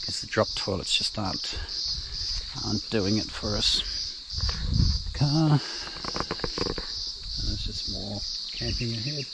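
Australian man, laid-back campsite tour, slow easy delivery, outdoor action-cam sound with music bed. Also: on the low side, creaky, very noisy. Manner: relaxed, plain-spoken, unhurried tour guide. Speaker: camping vlogger. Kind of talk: casual walk-through narration. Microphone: handheld action camera.

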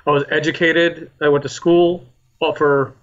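A historian in his thirties from Philadelphia, United States, appears as a guest on a podcast interview and speaks earnestly, repeating points for emphasis. His voice is a little high with little pitch movement, at normal speed, and the audio sounds dull.

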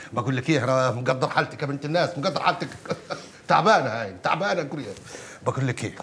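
An actor playing a middle-aged uncle with an Egyptian accent who keeps calming his family with quick, fatherly reassurance. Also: medium pitch, a little hiss or hum, lightly acted. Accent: Egyptian Arabic. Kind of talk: TV drama acting.

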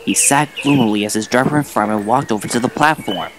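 A man telling a storybook tale in a gentle, even narration. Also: medium pitch, fast talker, background noise. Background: loud music.

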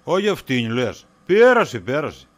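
A man's voice: medium pitch, very animated, close to an everyday voice. A joking, teasing friend, as a man plays him, in an ordinary mid-range voice, who turns cagey when he is pressed. The comic sketch delivery stays light and mocking. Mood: evasive. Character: teasing friend, middle-aged man named Kostas. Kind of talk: comedy sketch acting.

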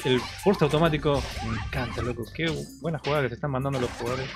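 Male co-commentator, Argentine accent, mid-pitched, colloquial and chatty fighting game analysis over clear background music. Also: fast talker. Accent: Argentine Spanish.

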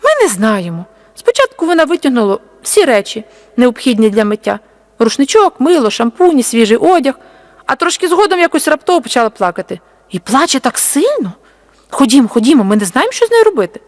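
A woman's voice: high voice, big pitch swings, brisk, long reverb tail. A woman voicing an anxious little camp girl who speaks urgently and pleads for help.

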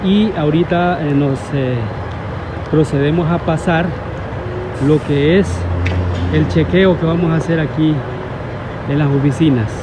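A Honduran man in his forties records a travel vlog on a phone held at arm's length, upbeat and chatty, with frequent fillers. His voice sits slightly high. Heavy noise from vehicles and air conditioning runs underneath. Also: steady tone, unhurried, pauses often. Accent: Honduran Spanish. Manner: upbeat, addresses viewers as friends, many fillers. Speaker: travel vlogger host. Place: outdoors at a border crossing, then indoors in an office hall.

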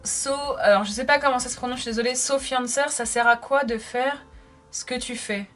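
A woman's voice: on the high side, steady tone, brisk, a bit bright, soft background music. Bubbly woman in her thirties, makeup vlog. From France. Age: 30s. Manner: chatty and bubbly, reads viewer comments aloud. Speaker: makeup vlogger. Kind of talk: casual chat answering live comments.

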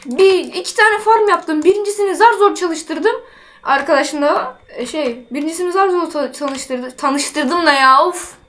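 A woman's voice: very high voice, fairly bright tone. A woman giving casual gameplay commentary, chatting to herself and her viewers while she builds. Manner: chatty, talks to herself while playing, quick exclamations. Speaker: gaming channel host.

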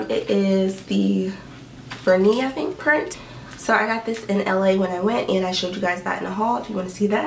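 Sitting in her bedroom, a young woman who vlogs about beauty and fashion does a casual what's-in-my-bag chat, cheerful and talkative with plenty of "like" and "um," though allergies leave her stuffy and sniffly. She has a medium-pitched, gravelly voice. Recorded by a camera at desk distance in front of her, the sound has roomy echo, a slightly distant mic and slight background noise.

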